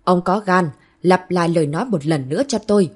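A furious mother shouting at full force, indignant and protective, as a woman narrator plays her. The voice is low and husky. Its tone is mellow rather than bright. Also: brisk. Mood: defiant.

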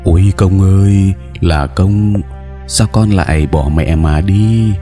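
A man's voice: low-pitched, slow pace, warm tone, soft background music. A man voicing a grieving village aunt who wails a lament over her lost son. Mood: wailing. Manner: wailing lament.

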